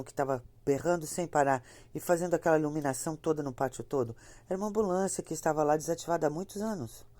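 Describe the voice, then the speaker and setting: A woman with a slight cold, a bit congested, tells a ghost story in a casual, chatty way, repeating herself and speaking directly to her listeners. Her voice is fairly low with a darkish tone, and the recording is dry.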